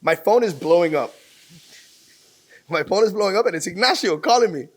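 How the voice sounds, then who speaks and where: A man's voice: high voice, lively intonation, fairly quick. Laid-back man hosting a chat. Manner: easygoing, laughs often, mixes English and Spanish. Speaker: host. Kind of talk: casual chat.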